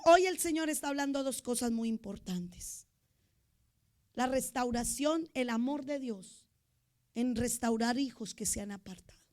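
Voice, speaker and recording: A woman preacher with a high, bright voice. She delivers her sermon with feeling, dropping to quiet asides and then rising to sudden loud outbursts. She also acts out the voices of the people she quotes. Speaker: pastor.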